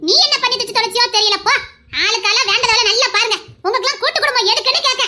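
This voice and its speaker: A woman voicing a sharp-tongued older aunt of a joint family, who scolds in a quick, mocking way. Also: very high-pitched, a little hiss or hum, full character voice. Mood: scolding.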